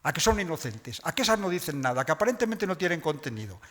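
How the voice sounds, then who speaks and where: A man's voice: fairly high pitch, sing-song, quick pace, a bit bright. Man lecturing in a reverberant hall. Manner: didactic, addresses audience directly. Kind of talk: public lecture on language.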